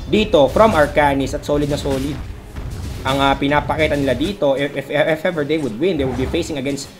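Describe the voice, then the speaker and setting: A man with a Filipino accent calling an esports match, swinging from calm analysis to excited shouts and voicing the players' lines. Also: on the high side, brisk, over music. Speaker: esports commentator. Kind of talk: play-by-play game commentary.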